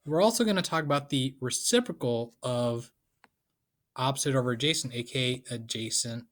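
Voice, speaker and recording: A man's voice: mid-range voice, normal speed, fairly bright tone. A man teaching a math lesson in a casual, playful way with joking asides. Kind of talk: casual lecture.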